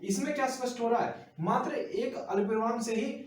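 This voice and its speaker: A man teaching Hindi grammar for exam prep, explaining slowly and repeating example sentences with stretched emphasis. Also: extremely high pitch. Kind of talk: classroom lecture for exam prep. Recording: echoey room, voice from a distance.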